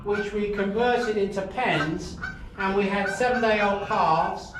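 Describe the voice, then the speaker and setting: Man, farmer, high-pitched voice, casual explaining, roomy echo with faint noise. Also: takes it slowly. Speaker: farmer, farm owner. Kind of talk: casual explanation while showing a farm. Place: farm sheds and yard. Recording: echoey farm sheds, faint noise.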